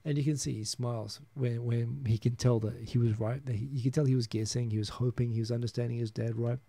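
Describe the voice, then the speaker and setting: A thirties-something New Zealand man hosts a casual solo live stream, rambling, chuckling, and often restarting as he reads viewer comments. His mid-range voice is gravelly and mellow, with fairly even intonation and a fast delivery. The recording has no room sound.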